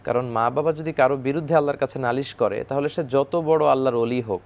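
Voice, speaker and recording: A man calmly giving a religious talk in a measured way. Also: mid-range voice. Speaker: Islamic speaker.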